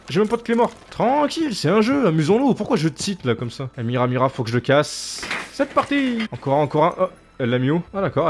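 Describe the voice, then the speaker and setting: Lively, exasperated male gamer. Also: mid-range voice, a little hiss or hum. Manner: animated, grumbling and exasperated at teammates. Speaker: gaming video creator. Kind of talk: casual gameplay commentary. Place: home gaming setup.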